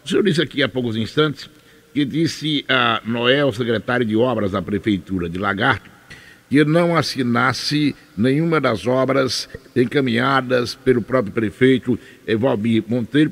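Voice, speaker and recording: Um homem, apresentador de rádio, conduzindo uma entrevista matinal com perguntas diretas. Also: male voice, mid-range voice, moderate pace, creaky, a bit bright. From Brazil. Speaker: radio host. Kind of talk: morning radio interview.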